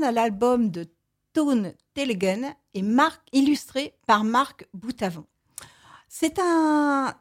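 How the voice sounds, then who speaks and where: A woman presenting children's picture books on a radio show, reading with lively expression. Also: high-pitched. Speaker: radio book reviewer. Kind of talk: book review and read-aloud on radio.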